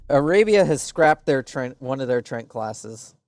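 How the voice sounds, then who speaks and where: A man's voice: medium pitch, expressive, a little slow, darkish tone, no echo. A man casually commenting on his strategy game during a live stream, rambling and muttering to himself with frequent swearing.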